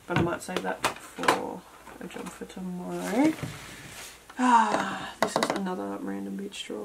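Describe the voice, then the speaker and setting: This beauty vlogger in her twenties has a lowish, creaky voice and chats casually while tidying her cluttered bedroom beauty room, rambling with plenty of fillers. It's an indoor clean-with-me video captured with noisy home camera audio.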